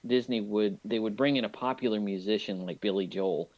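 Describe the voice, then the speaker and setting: A man co-hosting a movie podcast, chatting casually and enthusiastically about an animated film, often restarting his sentences. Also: lowish voice, a little fast, rough recording. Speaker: podcast co-host.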